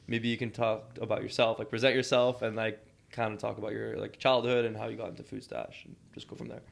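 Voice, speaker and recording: Hesitant podcast host man, gravelly low voice. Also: flat delivery, quick pace. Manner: hesitant, lots of fillers. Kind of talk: casual interview chat.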